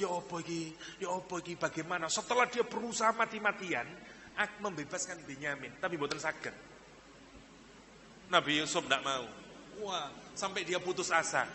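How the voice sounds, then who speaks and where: In a large hall with slight background noise, a man with a Javanese accent preaches a sermon full of stories. His voice is a little high, bright and forceful, and he acts out the people in his stories while mixing in Javanese phrases.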